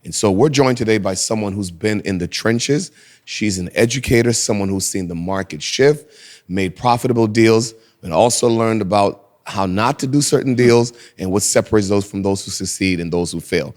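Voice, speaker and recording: Upbeat low-voiced male podcast host. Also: moderate pace, a little mellow. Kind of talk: conversational podcast interview.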